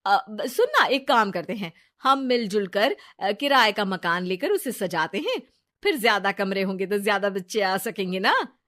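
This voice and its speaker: A woman's voice: mid-range voice, lively intonation, moderate pace, bright, forceful tone. Woman voicing a coaxing, scheming friend. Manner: coaxing, persuasive chatter. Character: scheming, sweet-talking young woman friend. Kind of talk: animated storybook dialogue.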